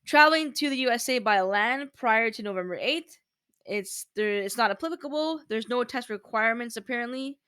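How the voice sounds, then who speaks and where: A woman's voice: fairly high pitch, lively intonation, moderate pace, a bit bright, clean tone, no echo. A woman, casually explaining rules step by step in a chatty vlog. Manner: chatty, walks through steps point by point. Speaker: vlogger.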